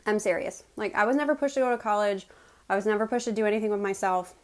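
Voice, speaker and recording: A woman from West Virginia with an American accent tells personal stories in a casual, chatty way to viewers, pausing to chew as she eats. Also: medium pitch. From West Virginia, United States. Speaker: mukbang host telling personal stories.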